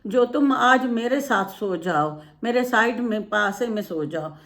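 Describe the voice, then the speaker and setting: A woman voicing a patient, loving elderly mother in a retold moral story, speaking gently and pleadingly. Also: fairly high pitch, animated, measured pace. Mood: gentle.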